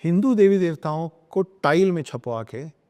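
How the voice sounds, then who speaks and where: A man talking earnestly as a podcast guest, hammering his points home with repeated phrases and bits of English. His voice sits a little high but sounds dark and mellow. A long reverb trails after his words. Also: expressive, a little slow. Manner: emphatic, lecturing, repeats phrases and slips into English. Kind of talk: earnest podcast talk on spirituality and parenting.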